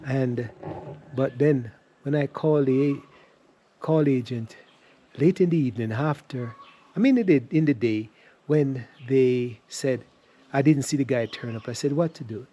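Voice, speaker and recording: A man vlogging on his travels, telling a long story with restarts and animated quoted dialogue. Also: mid-range voice, a little slow, poor audio. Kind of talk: casual storytelling to camera.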